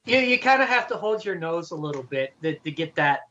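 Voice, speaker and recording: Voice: mid-range voice, expressive, brisk, a bit bright, muffled recording, a little hiss or hum. Stammering, laughing radio co-host. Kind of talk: casual radio chat.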